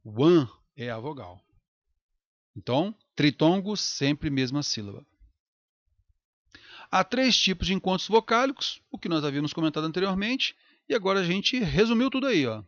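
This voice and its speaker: Lively teacher drawing out words. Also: male voice, a little high, no echo, studio quality. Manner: lively, stretches out example words slowly. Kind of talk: recorded grammar lecture.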